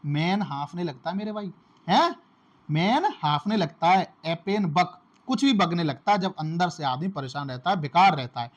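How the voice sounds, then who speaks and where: High-voiced man teaching memory tricks. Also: expressive, normal speed. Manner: repeats phrases, calls listeners "my brother", makes memory tricks. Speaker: exam-prep teacher. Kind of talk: casual classroom-style lesson.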